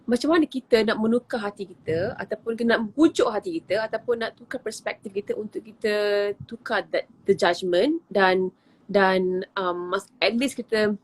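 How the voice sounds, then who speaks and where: A woman with a Malaysian accent asking a preacher questions, hesitant and searching for words, mixing in English. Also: medium pitch.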